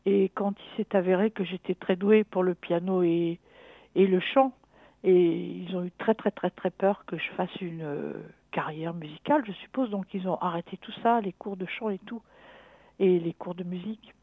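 A middle-aged woman talking reflectively and haltingly about herself as a caller in a personal conversation. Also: on the low side, no echo. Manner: reflective, halting, thinking aloud. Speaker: caller consulting a dream analyst. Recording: tinny narrow phone line.

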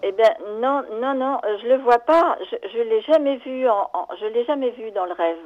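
Older woman calling in over a tinny phone. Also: fairly high pitch. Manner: halting, searching for words, shaken. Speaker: radio caller. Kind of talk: recounting a dream on call-in radio. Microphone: telephone.

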